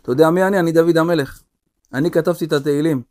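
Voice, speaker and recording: A man's voice: on the high side, fairly even intonation, darkish tone, natural voice. A male teacher voicing a stern old king who firmly lays down conditions for forgiveness. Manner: firm, commanding, emphatic. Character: stern old king judging a sinner, solemn.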